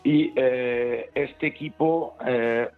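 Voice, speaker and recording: A man's voice: mid-range voice, steady tone, drawn-out words, faint music behind. A man with an Italian accent giving interview answers in a language that is not his own, hesitant and often searching for words. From Italy, Bergamo area. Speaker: member of an amateur football club, interview guest. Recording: tinny narrow phone-like line.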